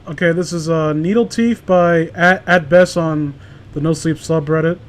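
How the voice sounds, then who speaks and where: Amid casual group banter, a man with a fairly high voice reads stories aloud at a normal speed, tripping over words as he goes in this amateur reading.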